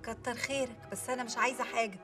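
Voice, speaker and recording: A woman's voice: fairly high pitch, steady tone, racing, sharp tone, soft background music. An actress playing a short-tempered, frazzled mother with an Egyptian accent, scolding in exasperation. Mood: exasperated. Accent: Egyptian Arabic. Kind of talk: TV comedy series acting.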